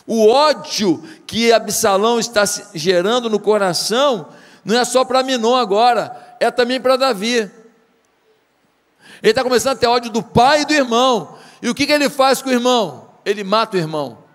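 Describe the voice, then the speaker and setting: High-voiced Brazilian pastor, echoing hall. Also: male voice, moderate pace. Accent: Brazilian Portuguese. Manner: dramatic, rhetorical questions to the congregation. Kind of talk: sermon retelling a story.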